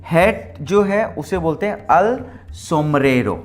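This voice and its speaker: A man teaching a beginner language lesson at a whiteboard, speaking conversationally with English words mixed in, drawing out each foreign word slowly and spelling words letter by letter. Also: fairly high pitch, expressive, faint music behind. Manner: slow, drawn-out repetition of foreign words. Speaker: Spanish teacher.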